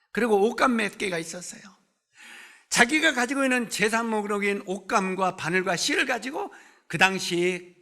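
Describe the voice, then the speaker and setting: A high, gravelly, sharp-toned voice belongs to a man in his seventies preaching at church. The pastor keeps it conversational, asking the congregation questions and joking with its members.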